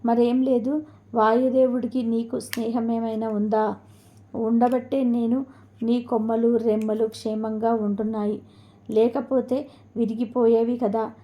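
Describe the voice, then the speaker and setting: A woman voicing a wise old male sage in a spoken storybook, in a calm, even tone. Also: fairly high pitch, measured pace, highs cut off, natural voice.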